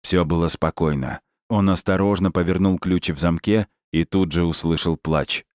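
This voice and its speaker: A man narrating an audiobook in a steady, even storytelling manner. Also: low voice, moderate pace, clean tone, no room sound, clean studio sound. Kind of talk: scripted narration.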